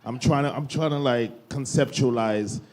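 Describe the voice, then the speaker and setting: A man's voice: mid-range voice, normal speed, a little mellow. A man hosting a panel discussion, prompting his guests with curious questions. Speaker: host.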